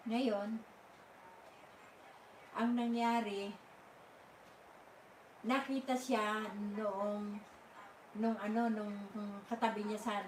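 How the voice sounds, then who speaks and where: An older woman hosting a live stream, telling a story casually and haltingly, with many fillers and restarts. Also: medium pitch, slight background noise. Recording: echoey room, mic at a distance.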